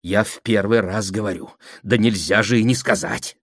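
A man's voice: lowish voice, normal speed, fairly bright tone, no room sound, clean studio sound. A man voicing an aggrieved middle-aged sister who pleads and reproaches her brother, in an audiobook reading. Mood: reproachful.

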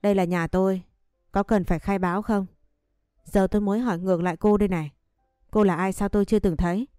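A playful rich man's son in his thirties, soft-spoken and teasing, as a woman narrator puts him on. The voice is mellow and warm, read close and dry for a storybook with faint music behind. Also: medium pitch, fairly even intonation, quick pace, clean tone, dry recording, natural voice. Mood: wry. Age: 30s. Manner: polite, teasing.

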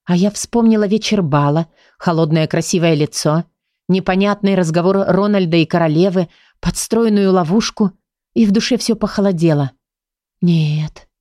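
A woman's voice: lowish voice, normal speed, no echo, clean studio sound. A woman reading a first-person fantasy audiobook expressively, voicing every character. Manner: expressive, voices many characters. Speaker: audiobook narrator.

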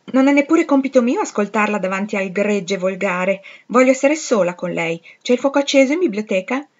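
A haughty, imperious young society woman, put on by a woman reading a storybook, curt and disdainful, a little higher and louder than the narration. The recording sounds dull and lo-fi. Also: animated, fairly quick, natural voice.

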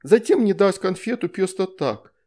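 A man's voice: high-pitched, lively intonation, normal speed, mellow, voice pushed up. A man doing a pouty, lisping little girl. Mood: stubborn. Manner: lisping baby talk, pouty. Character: stubborn little girl, sweet-toothed, whiny. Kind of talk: audiobook character voice.

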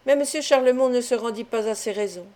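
Mellow-voiced woman reading a novel. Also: on the high side, fast. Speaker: audiobook reader. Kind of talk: literary audiobook narration.

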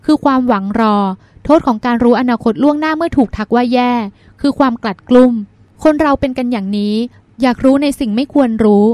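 A woman reading the lines of a calm, wise older sister who soothes and gives advice. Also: high-pitched, a little fast, no room sound, lightly acted. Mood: advising. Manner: soothing, advising, gently teasing. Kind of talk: audiobook character reading.

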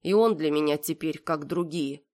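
A woman voicing a stubborn young girl who speaks in a flat, indifferent monotone. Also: low voice, moderate pace, close to an everyday voice.

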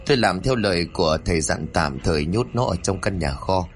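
A stern, uneasy middle-aged husband in a spoken ghost story, as a man puts him on talks low and gruff. He is curt with his wife and quick to brush off her fears. A faint hiss runs behind him. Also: animated.

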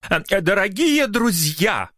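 A man voicing a thin, fussy secretary who hesitates and talks pompously with a high, reedy tone. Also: big pitch swings, measured pace, a bit bright, no echo, studio quality, exaggerated voice.

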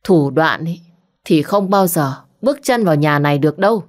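Stern elderly matriarch, authoritative storybook figure, read by a woman; low-ish. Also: lively intonation, normal speed, darkish tone. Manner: authoritative, lecturing. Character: stern old grandmother, matriarch of a rich house.

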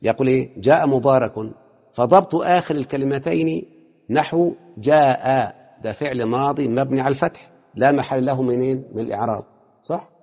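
Egyptian guy teaching grammar fast, keeps quizzing the class, muffled sound in a big echoey hall. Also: medium pitch. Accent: Egyptian Arabic. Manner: quizzes students with quick rhetorical questions. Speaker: teacher of Arabic morphology. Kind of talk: classroom lecture. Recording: lo-fi with long hall reverb.

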